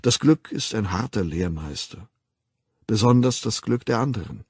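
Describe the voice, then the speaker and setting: A man voicing a calm, worldly male ruler who lectures in a measured, ironic way, in an audiobook. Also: lowish voice, slightly rough, no room sound, studio quality, exaggerated voice. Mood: calm superior.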